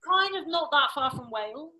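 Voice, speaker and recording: A young woman chats as a podcast guest in a high voice. Her tone is bright and forward, and she laughs often and swears with ease. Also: lively intonation, normal speed, poor audio. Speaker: podcast guest, TV and radio presenter. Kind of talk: casual chat.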